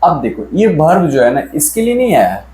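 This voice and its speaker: Teaching grammar for an exam, this man questions viewers again and again, repeats key terms, and elongates the English sentences he reads aloud. His voice is fairly high, sing-song, and fairly quick, with a darkish tone. The room is echoey, with slight background noise.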